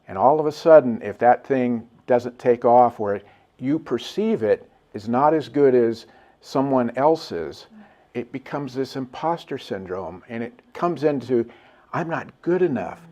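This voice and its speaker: A man's voice: medium pitch, lively intonation, a little slow, warm tone. A man, a guest, telling an earnest and reflective story in casual talk.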